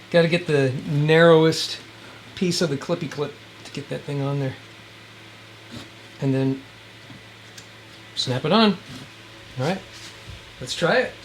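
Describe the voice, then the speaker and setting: This radio reviewer and video host's voice sits on the high side as he tries out gear outdoors with wind around him, rambling folksily while thinking aloud. The recording quality is low.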